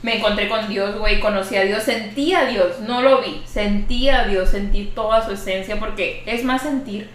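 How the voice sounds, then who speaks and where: A woman's voice: medium pitch, moderate pace, few pauses. A young Mexican woman, a podcast guest, talking earnestly in casual chat and swearing freely. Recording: echoey room with faint noise.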